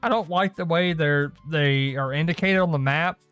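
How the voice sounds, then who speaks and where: Chatty rambling man, clear close voice. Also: fairly high pitch, normal speed, fairly bright tone, no room sound, soft background music. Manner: rambling, self-correcting, laughs often. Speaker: host of a gaming news show. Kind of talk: casual solo gaming chat.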